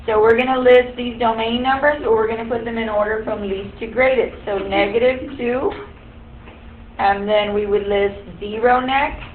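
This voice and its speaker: A woman's voice: on the high side, fairly even intonation, moderate pace, a little hiss or hum. Woman teaching in an echoey classroom. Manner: explains step by step, quizzes the class. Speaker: high school algebra teacher. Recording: echoey room, tinny phone-like sound.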